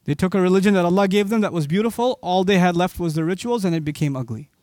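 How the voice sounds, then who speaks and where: A man with a high voice preaching a fervent sermon, turning to the listeners with pointed questions. The sound is dry and close, with no room echo. He is originally from Pakistan. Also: quick pace, a little mellow. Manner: impassioned, asks the audience rhetorical questions. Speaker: Islamic preacher. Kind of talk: sermon lecture to an audience.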